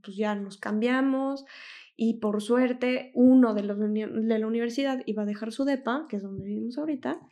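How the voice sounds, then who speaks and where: Young woman, podcast co-host, lively storyteller, slightly high voice. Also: moderate pace. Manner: animated storytelling, quotes others, laughs often. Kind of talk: casual chat.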